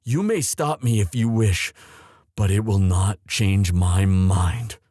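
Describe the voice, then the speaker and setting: In this romantic audio drama, a male actor plays a tender young crown prince whose low, dark voice carries a formal, courtly bearing. Earnest, devoted, and resolute, he falters as feeling takes hold; the recording is close and very dry, with no echo.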